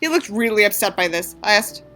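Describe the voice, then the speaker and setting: Music plays under this woman's mid-range voice as she hosts a reading in a small apartment room. Animated and a touch fast, she gives the story a mocking, dramatic treatment, slipping in casual asides that are sarcastic and theatrical.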